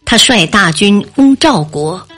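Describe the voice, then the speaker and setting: A woman storyteller narrating a classical history tale in a slow, deliberate scripted reading. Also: medium pitch, expressive, fairly bright tone.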